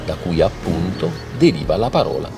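Low-voiced man narrating over music. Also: very animated, moderate pace. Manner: explanatory, storytelling. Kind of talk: documentary narration. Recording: music playing behind.

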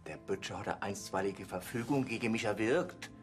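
An actor playing a defiant, defensive suspect under questioning. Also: male voice, lowish voice, brisk, faint music behind, close to an everyday voice.

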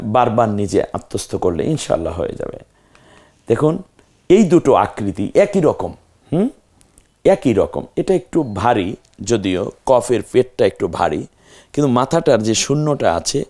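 A man's voice: mid-range voice, warm tone. A man teaching a Quran reading lesson to viewers, patiently drilling letter names and praising them with religious phrases. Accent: Bangladeshi Bengali. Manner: speaks directly to viewer, frequent religious phrases. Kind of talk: step-by-step lesson on Arabic letters.

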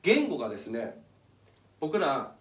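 A man's voice: mid-range voice, wildly swooping pitch, a little slow. A man giving a casual, step-by-step explanatory talk as channel host, pointing things out on a chart as he goes. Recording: echoey room, mic at a distance.

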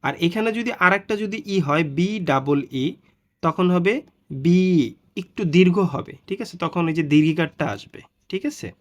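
A man's voice: high-pitched, normal speed. A man teaching English reading, patiently spelling out letter pairs and their sounds one by one, often checking in with the listener. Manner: frequent "ঠিক আছে" check-ins. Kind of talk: spoken phonics lesson.

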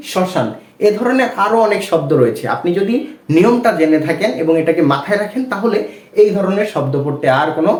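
A man teaching a spoken reading lesson, slow and patient, often asking the viewer questions and answering them himself. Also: high-pitched, darkish tone. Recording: echoey room.

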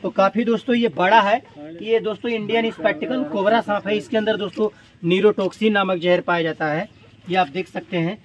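Outdoors in an Indian village, a man rescuing snakes narrates to camera in a high, steady voice at a fairly quick pace, calling his viewers "friends" again and again. When the crowd threatens the snake he pleads urgently; the recording is noisy, with villagers talking in the background.

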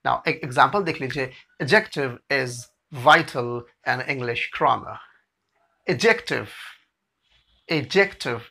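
A man teaching English pronunciation, breaking words into syllables and repeating them slowly. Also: a little high, bright, forceful tone. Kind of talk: slow, drilled pronunciation lesson.

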